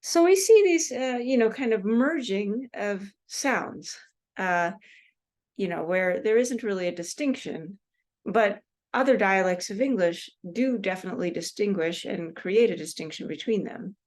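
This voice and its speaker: A woman from Seattle with a US West Coast accent, giving a relaxed recorded lecture with many fillers and slowing down on example words. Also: medium pitch. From Seattle, Washington State, US West Coast. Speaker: teacher.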